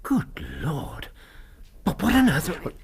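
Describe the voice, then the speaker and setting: An actor playing a loyal, puzzled Victorian doctor sidekick in a radio drama, earnest and mildly grumbling, with a gravelly Received Pronunciation English voice. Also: male voice, fairly high pitch, huge pitch swings, slow, slight background noise, exaggerated voice.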